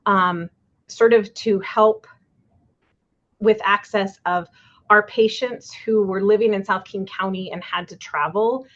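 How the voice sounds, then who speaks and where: A woman's voice: medium pitch, fairly even intonation, measured pace, fairly bright tone, dull audio. A woman presenting community health services on a webinar, speaking with frequent fillers. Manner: hesitant, many fillers. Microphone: video call.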